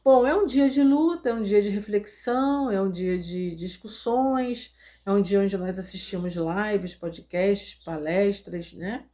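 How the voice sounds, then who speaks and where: A woman's voice: mid-range voice, measured pace, hardly any pauses, mellow. Earnest Brazilian woman giving advice. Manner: earnest, emphatic, many fillers and restarts. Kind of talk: casual spoken commentary.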